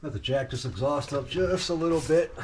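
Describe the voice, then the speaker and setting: A man's voice: on the high side, fairly quick. Chatty man working in a noisy garage. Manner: chatty, talks while wrenching under the car. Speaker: car restoration vlogger. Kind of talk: casual talk to camera while working. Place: home garage. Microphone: camera mic, no clip-on mic. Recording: noisy garage with tool clicks.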